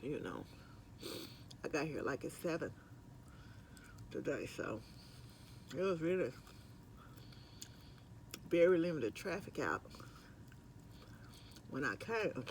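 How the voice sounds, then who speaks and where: Guy rambling to viewers w his mouth full, voice goes up and down, bit creaky, some noise behind. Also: on the high side, big pitch swings, slow, long pauses. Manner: chatting while eating, sometimes with mouth full; rambling, conversational. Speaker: mukbang vlogger. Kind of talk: casual eating chat to viewers. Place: at work on lunch break.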